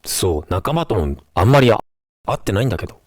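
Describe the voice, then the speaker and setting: Low, terse unseen creature, a man voicing it, evasive and touchy, dry close sound; comedy sketch. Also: very animated, quick pace, no room sound.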